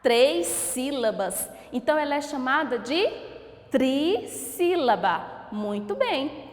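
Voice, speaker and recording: Brazilian woman teacher, high and lively, slow syllable-by-syllable delivery, quizzing her pupils. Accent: Brazilian Portuguese. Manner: slow, drawn-out syllable-by-syllable pronunciation, asks questions to pupils. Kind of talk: recorded school lesson for children. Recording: echoey room with long reverb.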